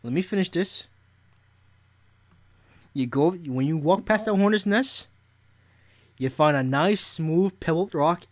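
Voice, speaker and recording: A man's voice: a little high, animated, measured pace, long pauses. A young man chatting casually while drawing, jokey and insistent, repeating himself to make a point. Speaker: co-host.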